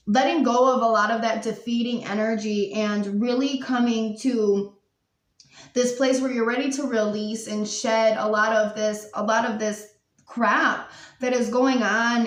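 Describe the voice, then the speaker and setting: A woman's voice: fairly high pitch, echoey room, far from the mic. A woman giving a pick-a-card tarot reading, earnest and emotional, full of "um" and "like" as she talks. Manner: emotional, earnest, frequent fillers and "like". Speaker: tarot reader.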